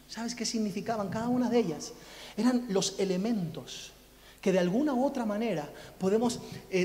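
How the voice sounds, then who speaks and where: Guy preaching in a big echoey church, super high-pitched, punchy and asking the crowd questions. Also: a little mellow. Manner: emphatic preaching with rhetorical questions. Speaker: pastor. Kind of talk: sermon. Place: church hall.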